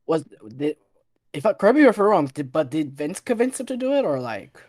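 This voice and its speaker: A stream co-host chatting casually, eager and asking quick questions. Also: mid-range voice, very animated, darkish tone, dry recording, clean studio sound.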